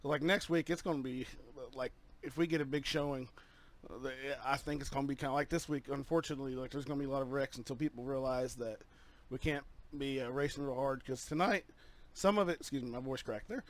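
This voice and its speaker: A man giving a halting, earnest post-race victory interview as a sim racing driver, full of fillers, talking over a voice-chat headset. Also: mid-range voice, little pitch movement.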